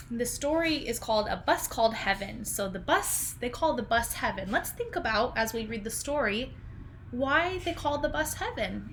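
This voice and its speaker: Her voice slightly high and a touch bright, a woman in her thirties reads a storybook to little kids from a room in her home. As a teacher, she keeps things simple, questioning and explaining as she goes. The home video call carries clear background noise.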